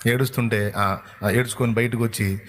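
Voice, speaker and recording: A man's voice: medium pitch, fairly even intonation, moderate pace, slight background noise. A male preacher giving a sermon, telling a folksy story in a vivid, emphatic way.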